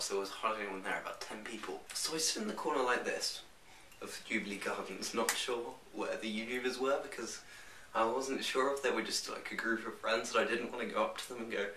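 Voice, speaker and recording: A man's voice: fairly low pitch, pushed and bright, distant mic, slight background noise. A teenage boy from England chatting casually in a rambling, self-deprecating vlog, talking to camera at home. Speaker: vlogger. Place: room at home. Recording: echoey room, a little off-mic.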